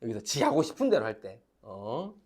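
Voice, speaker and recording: Animated teacher. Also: male voice, medium pitch, moderate pace. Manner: emphatic, repeats key terms, calls on students. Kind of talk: classroom lecture. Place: classroom.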